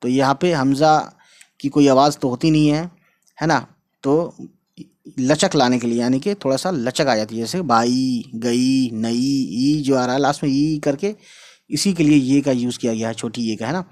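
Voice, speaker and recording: A man's voice: medium pitch, darkish tone. A man teaching a casual language lesson, who spells out each word letter by letter and says it again and again, with English words mixed in. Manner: slow, repeats each word several times and spells it out letter by letter; mixes English words into his talk. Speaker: Urdu teacher.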